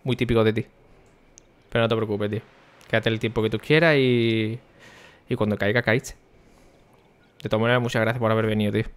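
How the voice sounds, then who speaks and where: A young man, chatting casually on a stream and talking to his viewers by name, often keeping his voice low for the neighbours. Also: fairly even intonation, fairly quick, long pauses, clean tone. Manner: speaking quietly for the neighbours.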